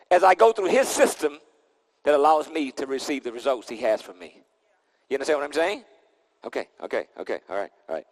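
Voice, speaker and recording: A man's voice: high voice, fairly bright tone, long reverb tail, poor audio. A man preaching a sermon into a pulpit microphone, emphatic and repetitive, with casual vernacular and call-and-response. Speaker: pastor.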